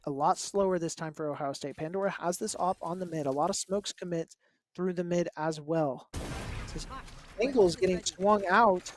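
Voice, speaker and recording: Young male esports caster, high-pitched, rapid play-by-play with jokes. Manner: fast excitable play-calling, joking asides. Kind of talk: play-by-play commentary.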